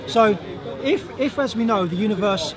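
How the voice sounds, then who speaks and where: A man with a hoarse high voice argues insistently in a street debate in an open public park, with lively intonation at normal speed, repeating words when cut off. A clearly audible crowd murmurs around him.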